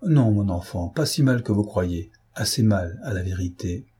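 A man voicing a gentle older princess in an audiobook, soft and patient. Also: fairly low pitch, animated, normal speed, breathy edge.

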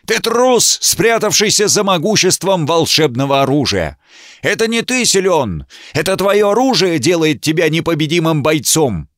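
Guy putting on a loud proud knight baron, yells every line, high and strained, dry sound. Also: expressive, normal speed, dry recording, lightly acted. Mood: furious. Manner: shouting, blustering. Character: bellowing proud male knight baron, hot-tempered.

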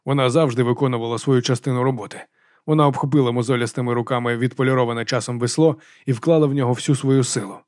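Brisk man narrating an audiobook. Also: medium pitch, no room sound, clean studio sound. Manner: brisk, steady storytelling. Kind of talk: scripted narration of a dark fantasy novel.

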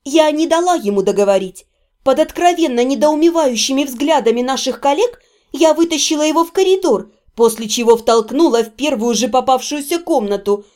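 High-voiced woman reading a fantasy audiobook. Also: lively intonation, brisk, darkish tone. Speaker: audiobook narrator. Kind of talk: first-person fantasy narration.

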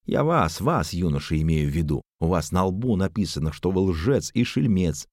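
A man's voice: low-pitched, sing-song, normal speed, no echo, clean studio sound. A man playing a blustering indignant swindler. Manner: theatrical, shouting accusations. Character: blustering middle-aged male swindler, indignant.

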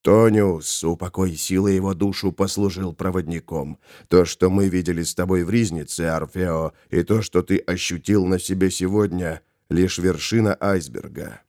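Man doing a hushed sinister heretic. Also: fairly even intonation, dry recording, clean studio sound, natural voice. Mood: ominous. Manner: low, hushed, slow. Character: sinister male heretic, calm and gloating. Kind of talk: audiobook character voice.

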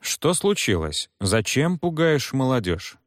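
A man voicing a young, smiling police lieutenant who speaks smoothly and condescendingly. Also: mid-range voice, big pitch swings, measured pace, dry recording, clean studio sound, pitched above the performer's own voice. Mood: smug.

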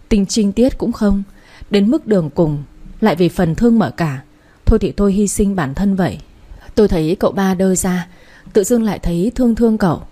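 Mellow-voiced woman reading a story. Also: mid-range voice. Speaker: narrator. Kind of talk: first-person storybook narration.

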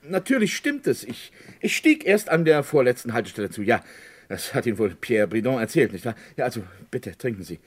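An actor voices a village notary under suspicion in a radio play, composed and courteous, explaining carefully in a polite, deliberate manner with halting pauses. The male voice is husky, medium in pitch and sing-song.

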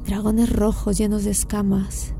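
A woman reciting a poem in a slow, even, dreamy reading. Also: mid-range voice, soft background music. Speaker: poetry reciter. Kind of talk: poetry recitation.

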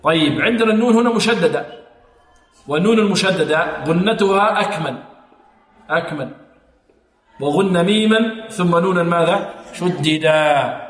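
A man teaching Quranic recitation rules. He asks questions, answers them himself, and chants slow, drawn-out examples. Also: high-pitched. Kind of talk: tajweed lesson with recited examples. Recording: echoey hall recording.

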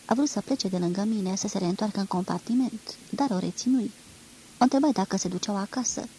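A woman reading a literary novel aloud in a measured, expressive storytelling manner. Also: medium pitch, a little hiss or hum, low-quality recording. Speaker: reader.

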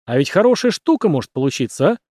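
A hot-tempered male film director, quick to shout and shriek, as a narrator puts him on. He is pitched high above a plain voice and swings widely in tone. Close and dry recording. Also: very animated, no echo. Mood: excited. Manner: shouting, snapping.

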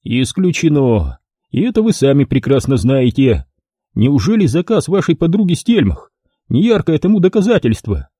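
A nervous crooked photographer from an audiobook thriller, read by a man barks and hisses short orders. The voice runs high and lively, husky and very dark in tone, with a dry, close sound. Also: moderate pace, no echo. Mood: curt. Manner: curt, hissing, commanding. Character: nervous, curt male photographer hitman broker.

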